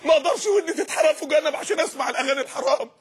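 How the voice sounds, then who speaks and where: Fervent high-voiced Egyptian preacher. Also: male voice, animated, rapid-fire. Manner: fervent, shouts repeated refrains. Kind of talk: impassioned sermon.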